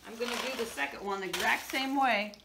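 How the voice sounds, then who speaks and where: Here the sixty-something home cook talks fast in a slightly high voice, laying out plain step-by-step instructions during a casual kitchen demonstration. The camera sits far off across the room, leaving the audio echoey and loud with noise.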